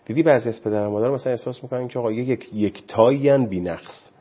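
A man's voice: medium pitch, dull audio. A man speaking as a guest on parenting, preachy and impassioned, often quoting scripture. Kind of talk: animated studio talk.

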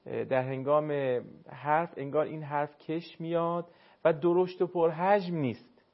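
A man teaching Quran recitation to a caller, courteous and explanatory, sounding words out slowly to demonstrate. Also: on the high side, flat delivery, highs cut off. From northern Iran. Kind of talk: call-in recitation lesson.

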